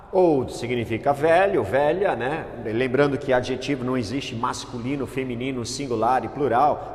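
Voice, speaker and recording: Animated man teaching in an echoey room. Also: a little high, slight background noise. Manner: animated, exclamatory, emphatic. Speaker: English teacher. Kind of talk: classroom grammar lesson. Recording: echoey room with long reverb.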